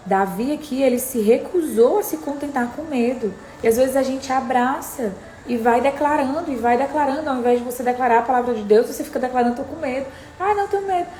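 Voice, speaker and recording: Woman, emphatic devotional preacher, higher voice, roomy echo. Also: warm tone. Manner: emphatic, repeats exhortations to the listener. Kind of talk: morning devotional sermon. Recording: echoey room, faint background noise.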